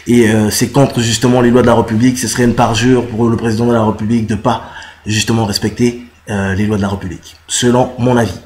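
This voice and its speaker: Man explaining, halting fillers. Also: fairly low pitch, level tone, darkish tone, slight background noise. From Republic of the Congo. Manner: halting, many "euh" fillers and restarts. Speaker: musician and citizen activist. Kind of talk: casual direct-to-camera explanation.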